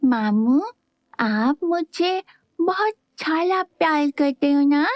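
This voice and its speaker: A woman's voice: sits high, lively intonation, takes it slowly, no room sound, studio quality, voice pushed up. A woman voicing a small playful boy who lisps and whines like a child. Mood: sweet.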